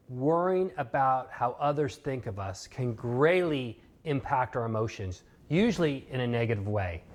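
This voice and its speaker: Earnest male motivational speaker. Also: on the high side. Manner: storytelling, emphatic and earnest. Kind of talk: motivational course lecture.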